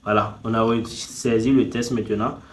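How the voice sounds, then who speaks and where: Here the tutorial host's voice runs on the low side, with fairly even intonation, a moderate pace, and slight background noise. Thinking aloud while navigating a website for his casual YouTube screen recording, he leans on "tout simplement" nonstop and teases viewers to subscribe.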